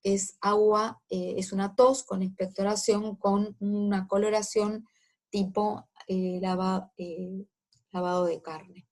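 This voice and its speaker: A woman teaching a medical lecture, explaining step by step with frequent fillers and quick check-ins to her students. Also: mid-range voice, a little mellow.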